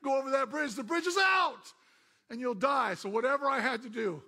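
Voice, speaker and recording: A man voicing a desperate, weeping man who is shouting to warn drivers on a road. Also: sits high, fairly quick, husky, pitched above the performer's own voice, exaggerated voice. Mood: frantic pleading. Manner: shouting, pleading.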